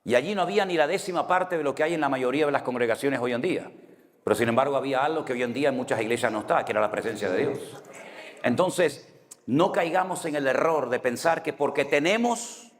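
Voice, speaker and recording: Man, Canary Islands Spanish accent, pastor, storytelling sermon, mid-pitched voice, long hall echo. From Spain. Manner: storytelling, asks the congregation "right?" often. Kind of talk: conversational sermon.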